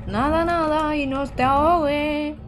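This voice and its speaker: A young woman from Almería, streaming a game live and chatting excitedly with her viewers. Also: sits high, a little slow, music in the background. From Almería, Andalusia, Spain. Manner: chatty and excitable, talks to chat, exclaims often. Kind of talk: live-streamed gameplay commentary.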